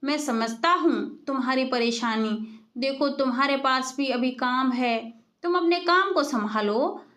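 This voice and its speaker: Lady doing a loud half-deaf village guy, rambles on, high voice, storybook cartoon. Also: measured pace. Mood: boastful. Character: brash half-deaf village young man.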